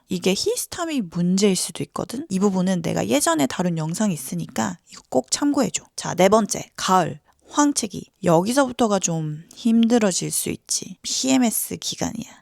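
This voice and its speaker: A woman health coach explaining in a casual, chatty way, talking informally to viewers, asking quick check-in questions, and often dropping into whispered asides. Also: mid-range voice, creaky, darkish tone, no echo, clean studio sound. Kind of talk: casual explainer talk to camera.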